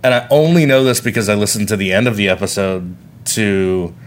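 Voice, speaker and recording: A man's voice: lowish voice, a little fast. A man co-hosting a podcast in casual chat, talking in a wry, rambling way. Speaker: podcast co-host.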